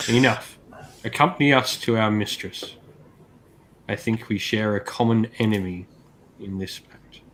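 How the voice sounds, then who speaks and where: A man's voice: lowish voice, measured pace, long pauses, fairly bright tone, a little hiss or hum, poor audio. A man voicing a stern, vengeful female witch elf leader in a tabletop game, speaking in a cold, demanding way. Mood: commanding.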